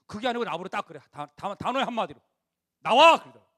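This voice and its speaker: Speaking very fast, a high-voiced, middle-aged pastor preaches to young adults with great animation. He tells stories in a chatty way, then climbs into forceful emphasis that nearly reaches a shout, and now and then acts out other people's dialogue conversationally.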